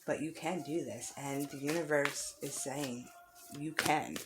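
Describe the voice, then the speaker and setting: Loud music plays behind a low-pitched woman in this low-quality recording. Unhurried and fairly even in intonation, she casually reads tarot for the viewer, offering encouragement and reassurance while repeating phrases for emphasis.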